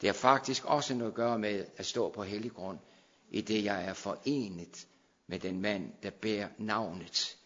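A man preaching a sermon, moving between quiet explanation and loud, shouted proclamation. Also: lowish voice, long reverb tail, lo-fi sound.

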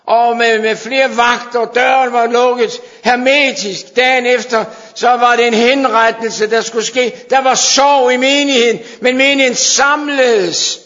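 A man preaching a fervent sermon to his congregation, sometimes dropping to hushed intensity. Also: very high-pitched, fairly even intonation, hardly any pauses. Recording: dull sound in a long-reverb hall.

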